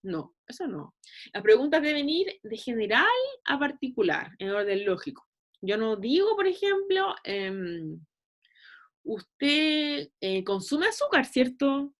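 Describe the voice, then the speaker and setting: A woman's voice: fairly high pitch, sing-song, a little slow. A woman giving an online class, explaining with examples and checking in with frequent tag questions. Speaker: nutrition lecturer.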